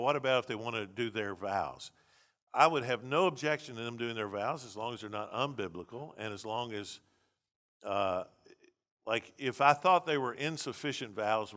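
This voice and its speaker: A man's voice: mid-range voice, pushed and bright. A man, a pastor teaching a seminary class in a blunt, conversational lecture with many restarts.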